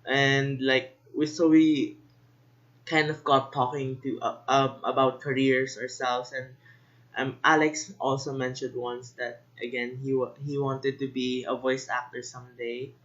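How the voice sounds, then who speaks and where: A man's voice: medium pitch, flat delivery, a little slow, a bit bright, highs cut off. Rambling young man hosting. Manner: rambling, full of "like" and restarts. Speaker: podcast host. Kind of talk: casual podcast chat with narrated links.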